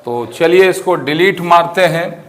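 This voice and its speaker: A male teacher lecturing a room full of students. His voice sits a little high and he speaks slowly, drawing words out as he dictates. He keeps firing questions at the class to check they follow. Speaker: commerce teacher.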